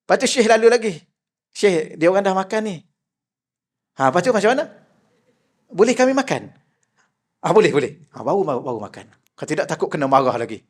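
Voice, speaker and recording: A man's voice: sits high, animated, fast. An older man with a Malaysian accent, giving a mosque lecture as a religious teacher, telling jovial stories and acting out the voices he quotes. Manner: jovial storytelling, acts out quoted voices, laughs often.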